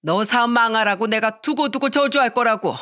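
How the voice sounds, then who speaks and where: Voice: medium pitch, fairly quick, sharp tone, close to an everyday voice. A narrator voicing an angry older mother-in-law who wails, scolds and curses in a raised voice. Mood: spiteful. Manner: wailing, scolding and cursing.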